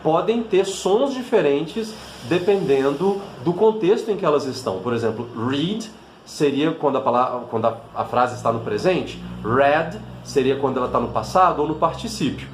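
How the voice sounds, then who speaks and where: A man's voice: fairly high pitch, expressive, moderate pace, reverberant, slight background noise. A Brazilian man, a language teacher, explaining patiently to camera and checking in often with his listeners. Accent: Brazilian Portuguese. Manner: patient, with frequent fillers and check-ins like "né?".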